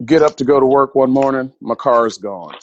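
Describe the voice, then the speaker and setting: A man's voice: mid-range voice, a little fast, highs cut off. Blunt man with faint hiss. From United States. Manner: blunt, swears, says dude. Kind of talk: casual chat.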